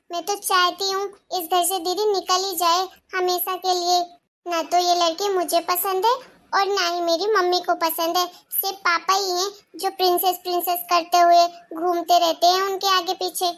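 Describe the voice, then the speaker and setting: A woman's voice: little pitch movement, moderate pace, fairly bright tone. A woman doing a whiny tattletale little girl. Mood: tattling, whiny. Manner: whiny, pleading, high childish voice. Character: scheming little girl, jealous tattletale sister.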